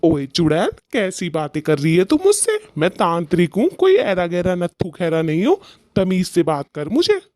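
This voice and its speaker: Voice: medium pitch, steady tone, unhurried, darkish tone, no echo, clean studio sound, close to an everyday voice. A performer voicing a blustering male fake sorcerer in a cartoon story. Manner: blustering, threatening, pompous. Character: self-important male tantrik, a fraud sorcerer.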